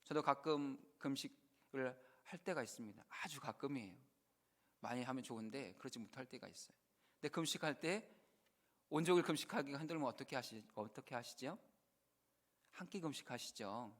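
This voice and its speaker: A male pastor preaching a sermon, earnest, rising to loud emphasis and dropping to hushed, quoted prayers. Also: medium pitch, animated, normal speed.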